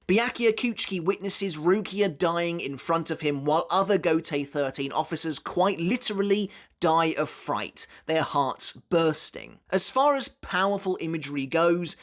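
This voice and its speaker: A narrator reading scripted top ten countdown commentary in a dramatic, emphatic way, drawing out key words. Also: mid-range voice. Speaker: narrator of a ranked countdown video.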